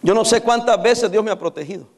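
High-voiced joking preacher in his fifties. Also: fast. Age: 50s. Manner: joking, teasing storyteller. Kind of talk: sermon.

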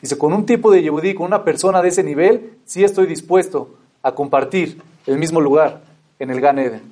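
A man's voice: fairly high pitch, moderate pace. A man narrating a religious story, acting out the characters' dialogue with rising emphasis and frequent restarts. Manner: lively retelling, acts out dialogue with rising emphasis.

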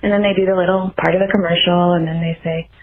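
A woman's voice: fairly low pitch, level tone, fast, crowd noise. A woman leaving a casual voicemail for a show, telling a rambling, friendly story. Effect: phone voicemail. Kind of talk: casual chatty anecdote. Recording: tinny phone-line voicemail.

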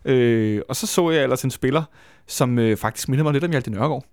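A man's voice: mid-range voice, clear, resonant tone, dry recording, studio quality. A man co-hosting a casual football podcast, talking at length and explaining his views. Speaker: podcast co-host.

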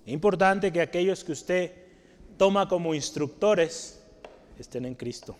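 High-voiced man teaching Bible study. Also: a little mellow. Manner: asks the audience questions often, tag questions like "¿sale?"; explains word roots slowly, writing on a board. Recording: long hall reverb.

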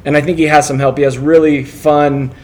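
This man's voice sits on the high side, level in tone, fairly quick and a little mellow. He co-hosts a casual business podcast, asking questions in an upbeat, jokey way and repeating words as he goes.

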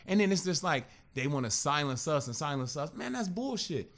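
A man in his thirties, a podcast guest telling a personal story in a casual, animated and profane way, acting out what other people said. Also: a little high, a little fast, creaky.

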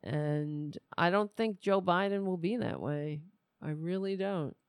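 Slow-talking woman hosting a live stream. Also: fairly low pitch, clean tone, dry recording, studio quality. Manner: loose, halting, conversational. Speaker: host of a live political show. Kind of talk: casual live-stream talk to viewers.

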